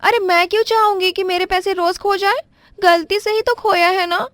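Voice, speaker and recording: A woman voicing a scheming young wife who lies and stammers out excuses in a high voice. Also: steady tone, moderate pace, fairly bright tone, no room sound, clean studio sound. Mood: pleading. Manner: high, pleading, fibbing with stammers.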